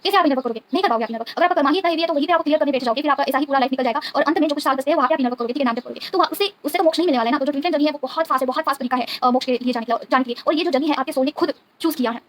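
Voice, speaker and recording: Very fast, high-voiced woman spiritual guide. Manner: devout, keeps asking the listener "okay?". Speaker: tarot reader and spiritual guide. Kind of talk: earnest spiritual talk to viewers.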